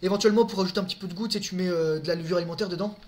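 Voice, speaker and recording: A man with a noticeably high voice, chatting casually with his audience. He answers viewers' questions directly, full of crude slang and stumbling restarts. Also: fairly even intonation, racing. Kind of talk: casual live chat.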